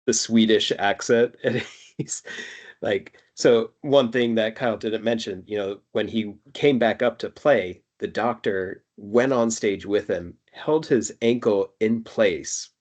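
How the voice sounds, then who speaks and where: A man with a fairly low voice co-hosts a casual album review podcast. He rambles through his stories and uses plenty of fillers. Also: slow pace. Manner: chatty, lots of fillers and laughs. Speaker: podcast co-host. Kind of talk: casual music review chat.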